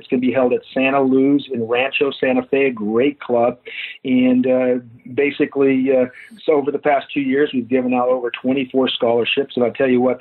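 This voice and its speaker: A man in his fifties, a foundation founder, speaking haltingly with many fillers as a guest in a phone-in interview. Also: mid-range voice. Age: 50s. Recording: tinny phone line.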